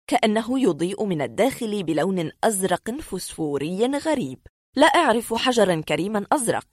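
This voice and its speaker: A woman narrating a story as an audiobook, in a measured, expressive storytelling manner. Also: medium pitch, no echo, studio quality.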